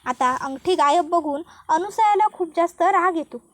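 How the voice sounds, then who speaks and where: Brief: woman recap narrator, very high pitch, steady scripted retelling. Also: moderate pace, dry recording. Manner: steady retelling with frequent connectives.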